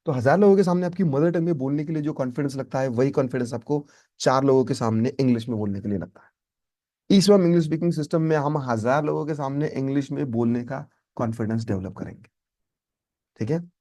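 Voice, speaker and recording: A man's voice: medium pitch, mellow. A man teaching a spoken English lesson, emphatic and repeating his key points.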